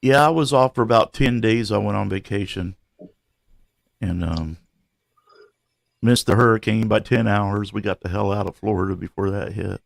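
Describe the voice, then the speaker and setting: Low gravelly laid-back host. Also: male voice, normal speed, long pauses, no echo. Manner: laid-back, swears casually, calls people bro. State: short of breath. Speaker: live stream host. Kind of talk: casual chat.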